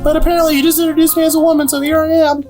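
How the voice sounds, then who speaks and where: A man voicing an indignant young lady podcast guest in a loud, shrill, sharp voice, in an improvised comedy role-play. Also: flat delivery, very fast, faint music behind. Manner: defensive, huffy.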